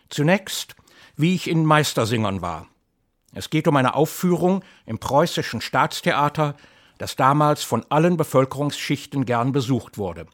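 A middle-aged man reading an introduction and then telling a story with measured, lively delivery. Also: medium pitch. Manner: measured, lively storytelling, slips into dialect for the tale. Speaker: narrator and reader.

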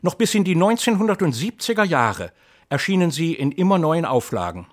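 Man, middle-aged, storyteller, fairly high voice, measured reading. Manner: measured, lively storytelling, slips into dialect for the tale. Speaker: narrator and reader. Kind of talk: literary reading with introduction.

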